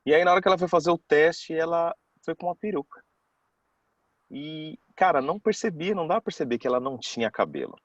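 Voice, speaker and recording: A man's voice: a little high, expressive, fast, no room sound, dull audio. A man, telling a personal story to a class in a casual, chatty way and acting out the people he quotes. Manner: chatty, keeps saying "cara".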